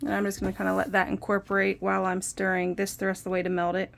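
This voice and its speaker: A young woman in a relaxed how-to vlog, talking through her work step by step in a chatty, self-deprecating way. Her mid-pitched voice often drops into a gravelly fry. She sounds close to a phone propped on a windowsill indoors at home. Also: fast talker. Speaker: soap maker and channel host.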